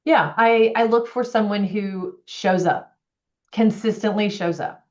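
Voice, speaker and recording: A woman executive coach talking in a podcast conversation, animated and acting out quoted voices. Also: mid-range voice, measured pace. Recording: dull lo-fi audio.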